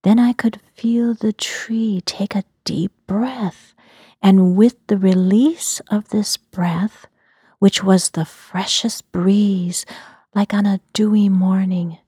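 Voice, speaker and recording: A woman narrating a dreamy fantasy story in a soft, breathy whisper. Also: mid-range voice, steady tone, slow pace, dry recording, clean studio sound.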